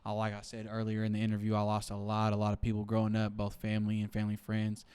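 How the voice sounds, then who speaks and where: Young guy in his 20s on a podcast, low even voice, smooth, lots of "like, you know". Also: fast. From Seattle, USA. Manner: reflective, with many "like" and "you know" fillers. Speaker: podcast guest. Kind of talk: casual interview talk.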